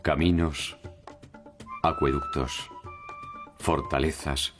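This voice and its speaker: Very deep-voiced male documentary narrator. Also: fairly even intonation, slow. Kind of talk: scripted narration. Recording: music under narration.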